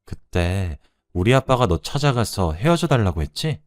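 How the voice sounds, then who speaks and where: A man's voice: fairly low pitch, sing-song, normal speed, faint music behind. A man voicing a frank young woman, his old first love, within his story narration. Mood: teasing.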